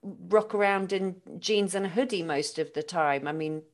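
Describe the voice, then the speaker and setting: A woman interviews in an informal, conversational style. Her voice is slightly low for a woman. She moves between asking questions and offering her own reflections. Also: normal speed. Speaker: interviewer, fellow doula.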